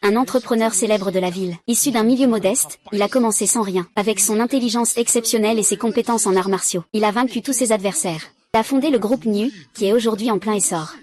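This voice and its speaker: A woman voicing all the roles of a drama series in one even, unchanging reading voice. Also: mid-range voice, quick pace, hardly any pauses. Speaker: voice-over dubber. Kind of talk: single-voice dub of a drama series.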